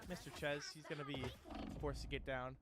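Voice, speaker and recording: A man's voice: a little high, flat delivery, fairly quick, noisy background. A man casting an esports match as play-by-play commentary, laid-back and chatty, calling people "bro" and "dude" and trailing off with fillers. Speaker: esports caster. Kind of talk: casual play-by-play game commentary.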